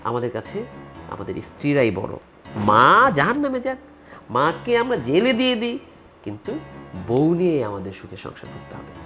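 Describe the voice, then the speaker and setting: A man's voice: mid-range voice, lightly acted. A man playing a henpecked elder brother. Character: henpecked elder brother, yielding to his wife. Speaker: elder son and husband. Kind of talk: village TV drama acting.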